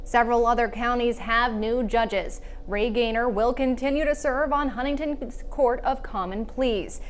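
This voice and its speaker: A woman co-anchoring a news broadcast and reading election results in a crisp, even way. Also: a little high, moderate pace, a little hiss or hum.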